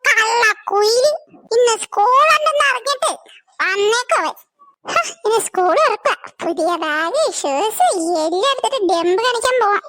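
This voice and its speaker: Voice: very high voice, expressive, moderate pace, pushed and bright, full character voice. A voice actor playing a lazy young schoolboy in a cartoon, whining and pleading. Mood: whiny. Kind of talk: cartoon voice acting.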